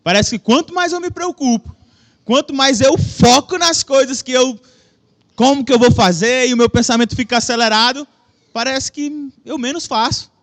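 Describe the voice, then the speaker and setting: A young man with a Brazilian accent giving a relaxed, joking sermon in a church hall, speaking into a microphone and asking the audience questions. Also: very high-pitched, moderate pace. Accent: Brazilian Portuguese. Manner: chatty, joking, self-deprecating, addresses the audience with questions. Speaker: preacher. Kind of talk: casual conversational sermon. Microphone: microphone with a stage monitor.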